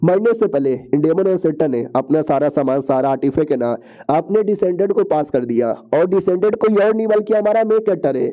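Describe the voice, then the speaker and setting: A man's voice: a little high, lively intonation, fairly quick, dark tone. A man narrating a comic-book story recap in a chatty, slangy way, often repeating phrases. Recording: dull lo-fi recording.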